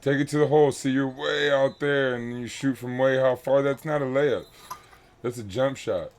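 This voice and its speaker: A man's voice: mid-range voice, measured pace, gravelly. Blunt man breaking down game film. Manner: instructive, blunt, repeats key points. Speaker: youth basketball coach.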